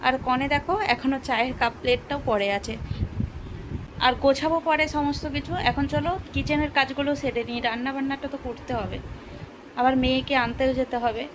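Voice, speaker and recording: Young woman vlogger, high chatty voice, narrating to viewers over loud street noise. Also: fairly even intonation, fairly quick. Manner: chatty, addresses viewers directly. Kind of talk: daily-life vlog narration. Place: home, market and railway stations. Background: street and vehicle noise.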